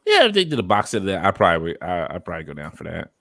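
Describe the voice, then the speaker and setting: A low-voiced man in his thirties chats casually as a podcast host, joking and reading comments aloud. His voice has a gravelly edge, recorded close and dry with no room sound. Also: wildly swooping pitch, racing, fairly bright tone, dry recording. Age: 30s. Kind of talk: casual chat.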